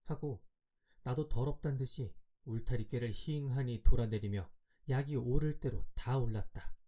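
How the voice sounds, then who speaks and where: A man narrating a classic story as a calm, measured audiobook reader for sleep. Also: mid-range voice.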